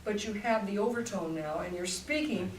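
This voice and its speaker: Heard from afar in a roomy space with a faint hum, an older woman who teaches voice coaches her listeners through technique, speaking in bursts and demonstrating as she goes. Her voice sits in the mid range at a normal speed, and the talk is a voice masterclass.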